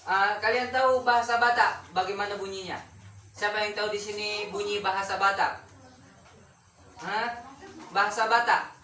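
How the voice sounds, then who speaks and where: A woman's voice: mid-range voice, steady tone, normal speed, pauses often, noisy background. Woman teacher quizzing a class. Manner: quizzes the class, repeats key words. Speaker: schoolteacher. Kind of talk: classroom lesson. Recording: roomy classroom heard from a distance.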